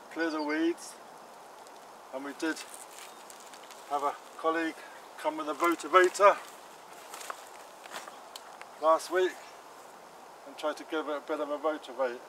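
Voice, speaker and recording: A middle-aged man hosting a gardening vlog, talking in a plain, chatty way about his beds. His voice sits a little high for a man. It was recorded outdoors on an allotment, with a faint hum of insects and country air behind him. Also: a bit bright, poor audio. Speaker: allotment gardening channel host. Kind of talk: casual walk-around vlog.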